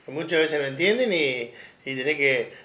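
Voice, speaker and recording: A man with an Argentine Spanish accent hosts a casual interview, cutting in with quick interjections and eager follow-up questions. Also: on the high side, animated, bright, forceful tone. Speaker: interviewer host.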